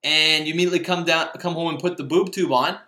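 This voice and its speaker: A middle-aged man hosts his own motivational show, talking in a loose, rambling way with lots of fillers and restarts. His voice sits high and sounds bright and clear. The recording has a noticeable echo, as if made in a bare room. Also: steady tone, fast. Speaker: podcast host. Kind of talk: casual motivational monologue. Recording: echoey room.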